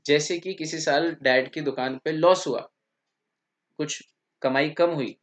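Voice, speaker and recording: A man's voice: on the high side, steady tone, unhurried. A man with an Indian accent giving an English vocabulary lecture, explaining step by step and checking in with his students. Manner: explains step by step, asks "theek?" often. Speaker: English teacher. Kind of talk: classroom lecture. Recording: dull lo-fi recording.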